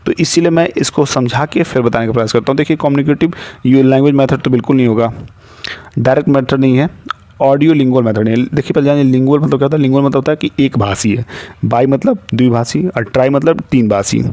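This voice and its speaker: A man leads an exam-prep lesson in a soft, mellow voice at an ordinary middle pitch. He reads English phrases out deliberately, word by word, and then explains them at a normal pace.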